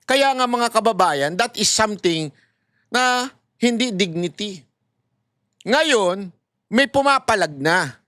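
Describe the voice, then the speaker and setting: A man's voice: high voice, animated, slow pace, long pauses, bright, forceful tone, no room sound, studio quality. A man giving casual political commentary, mocking and often laughing, addressing viewers directly and mixing in English phrases. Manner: mixes English phrases into talk.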